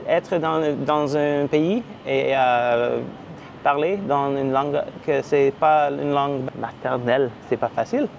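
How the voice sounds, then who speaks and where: A man's voice: a little high, vocal fry. A man from Canada talks casually to camera in a vlog. He hesitates often and fills the gaps while he searches for words in a language that is not his first. The recording sounds slightly dull, and a faint air-conditioning hum runs underneath. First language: English. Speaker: vlogger.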